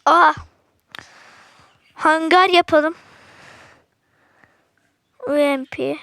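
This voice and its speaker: Very high-voiced woman playing a shooter game. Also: fairly even intonation, extremely slow, creaky, pushed and bright, no echo. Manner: slangy, talks to viewers, sudden frustrated outbursts. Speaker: gaming channel host. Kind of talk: casual gameplay commentary.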